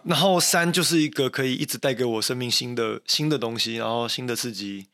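A man's voice: mid-range voice, fairly quick, fairly bright tone. A young man with a Taiwanese Mandarin accent, a mountaineer guest talking casually and thoughtfully, with many restarts and a self-deprecating manner. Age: young adult. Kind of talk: casual interview talk.

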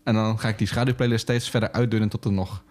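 A man's voice: on the low side, fairly even intonation, fast talker, a little mellow. A man hosting a podcast in casual chat, chatty and laughing easily. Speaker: podcast host.

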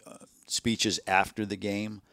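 A man's voice: on the low side, flat delivery, slow, vocal fry, sharp tone, no room sound, studio quality. A man co-hosting a podcast, chatting casually about football with frequent agreeing asides. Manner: agreeable, frequent short backchannels and chuckles. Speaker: podcast co-host. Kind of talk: casual sports chat.

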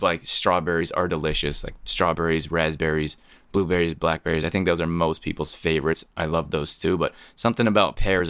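Deep guy rambling thru stories on his podcast, laughs a lot, dry mic. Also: fairly bright tone, smooth, no echo. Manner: rambling, chatty, laughs often. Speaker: podcast host. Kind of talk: casual storytelling monologue.

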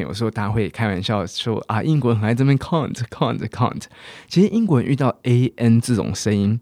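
A man with a Taiwanese Mandarin accent, hosting a casual podcast English lesson and coaxing listeners to repeat example words slowly. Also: medium pitch, a little mellow, no room sound, clean studio sound. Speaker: English teacher and podcast host.

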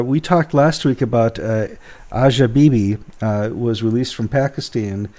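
A man hosts a chat programme in a casual, conversational manner. His voice is dark and relaxed, hoarse and husky, thick with a head cold. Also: medium pitch, slight background noise. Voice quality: husky, congested. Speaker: programme host.

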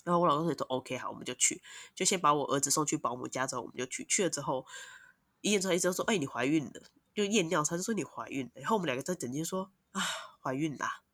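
A woman, a mother of two, telling long, animated stories as a podcast guest. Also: deep voice, racing, dry recording. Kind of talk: casual podcast chat.

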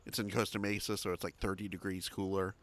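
Dry-witted man with a low voice. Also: flat delivery, fast, fairly bright tone, no room sound. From Southern California. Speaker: podcast co-host. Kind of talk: casual podcast chat.

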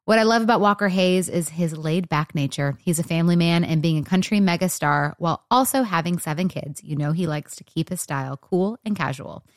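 Excited lady reading a clothing ad, kinda low voice. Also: a little fast, hardly any pauses, no room sound, clean studio sound. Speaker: ad reader. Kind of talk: scripted retail ad read.

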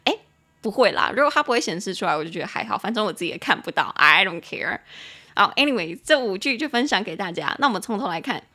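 A young woman hosting an English-teaching podcast, chatting casually, laughing often and slowing down to spell words out letter by letter. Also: medium pitch, expressive, bright, forceful tone.

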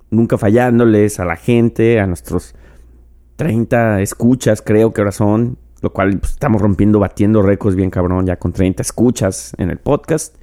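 A man's voice: on the low side, warm tone. A man with a Mexican accent hosting a podcast alone, rambling and joking with profanity while drinking. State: drinking mezcal while talking. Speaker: podcast host. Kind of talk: casual solo podcast monologue.

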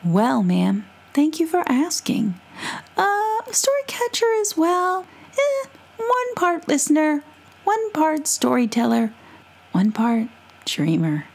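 A woman's voice: high-pitched, big pitch swings, slow pace, gravelly, a little mellow, voice pushed up, full character voice. Woman voicing a polite, whimsical wandering storyteller man. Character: gentle wandering male storyteller fool.

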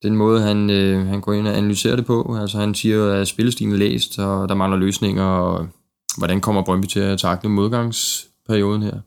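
Male podcast panelist, very low creaky voice, casual sports chat with halting, repeated words. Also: little pitch movement. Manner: hesitant, repeats words as he thinks aloud. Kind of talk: casual football discussion.

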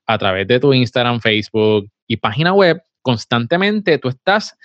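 Man, podcast host, affirming, mid pitch, dry and slightly muffled sound. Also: moderate pace, no echo. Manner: affirming, asks questions, fillers. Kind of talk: conversational podcast interview.

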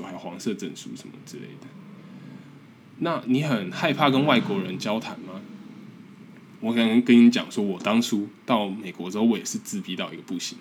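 A man in his twenties from Taiwan hosts a casual podcast monologue in a Taiwanese Mandarin accent, sounding earnest, encouraging and self-deprecating. His voice is on the low side, with a little hiss or hum.

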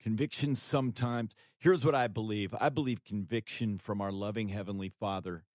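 A man with a deep, low-pitched voice talks through faith and life on a podcast. His delivery is earnest and emphatic, with a preacher's conviction. The sound is dry and close, with no room around it. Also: steady tone, moderate pace, a little mellow, dry recording. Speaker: podcast co-host, author. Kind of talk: faith-based conversational talk.

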